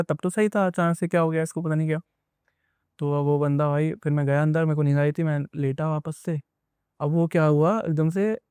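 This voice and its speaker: Young male guest, rapid rambling storyteller, clear dry voice. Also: fairly high pitch, dark tone, dry recording. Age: young adult. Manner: rambling, repetitive retelling with many asides. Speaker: guest recounting an experience. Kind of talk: casual spoken storytelling.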